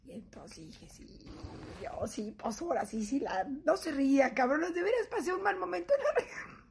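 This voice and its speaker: Animated high-voiced Mexican woman vlogger. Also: normal speed, gravelly. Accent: Mexican Spanish. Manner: animated, swearing, laughing through her story; acts out quoted voices. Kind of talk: casual storytelling to viewers.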